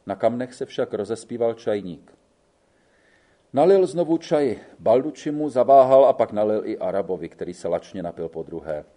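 A man narrating a literary audiobook in a measured, even reading. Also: lowish voice.

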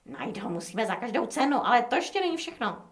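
A woman's voice: fairly high pitch, very animated, reverberant. A woman voicing a pompous, sly male gang boss who lectures his men in a smug, businesslike way in a storybook reading. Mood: scheming.

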